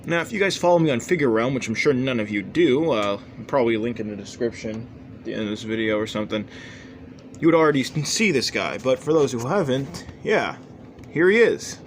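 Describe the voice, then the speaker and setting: The young host of a toy customizing channel rambles casually about a hobby project he's showing off, offhand and self-deprecating. His mid-range voice is lively and fairly quick, caught on a clearly noisy homemade recording.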